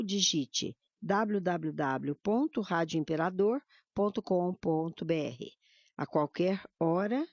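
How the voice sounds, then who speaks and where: A woman announcer reading contact details and listening info in a measured way. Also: fairly low pitch, darkish tone, dry recording. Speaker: radio announcer. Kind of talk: radio announcement. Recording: dry lo-fi radio recording.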